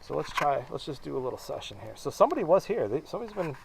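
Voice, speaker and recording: A man's voice: big pitch swings, racing, vocal fry, a crowd in the background. A man hosting a casual night-time paranormal investigation, talking hesitantly and calling out repeated questions. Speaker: ghost hunt investigator and host. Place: small stone cemetery crypt at night. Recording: noisy location sound with vehicle rumble.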